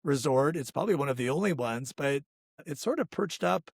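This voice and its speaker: A hoarse man co-hosting a travel vlog, chatting casually and leading the conversation. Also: a little high, animated, a little fast, no room sound, studio quality. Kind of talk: casual chat.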